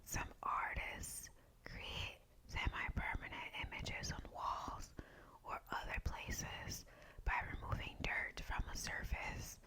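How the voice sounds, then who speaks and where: Whispering woman, slow ASMR delivery. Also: sharp tone. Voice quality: breathy unvoiced whisper. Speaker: ASMR video host. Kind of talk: ASMR whispered reading of fun facts.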